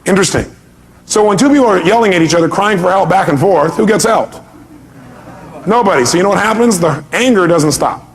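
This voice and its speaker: This seminar leader's voice sits high, and he talks briskly with lively intonation. Emphatic and motivational, he asks his listeners rhetorical questions, repeats his key ideas, and performs the reactions he imagines.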